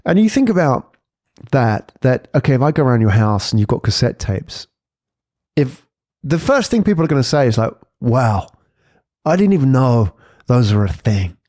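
A man's voice: medium pitch, big pitch swings, normal speed, dark tone, no room sound, studio quality. A man in his forties talking in a casual, conversational podcast monologue, reflective and fond of rhetorical questions and tags. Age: 40s. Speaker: podcast host.

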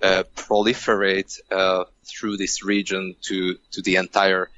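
A man from Hungary, a guest on a podcast interview, speaking in a measured way with many fillers and restarts. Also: deep voice, little pitch movement, fairly bright tone, muffled recording. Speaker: guest, venture co-founder.

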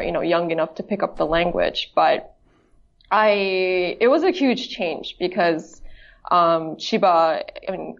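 A woman from Japan, a company co-founder, chatting as an interview guest, laughing easily and pausing on fillers. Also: mid-range voice. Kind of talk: casual interview chat. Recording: slightly dull, lo-fi.

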